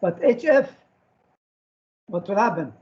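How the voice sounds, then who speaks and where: A man's voice: high voice, very animated, measured pace, lo-fi sound. A man lecturing a class on chemistry, firing short questions at students and repeating key terms so they stick.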